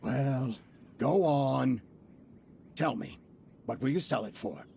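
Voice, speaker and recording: An actor playing a pompous, greedy middle-aged merchant with a gravelly, indignant voice in a game. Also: male voice, medium pitch, takes it slowly, a little mellow, a little hiss or hum.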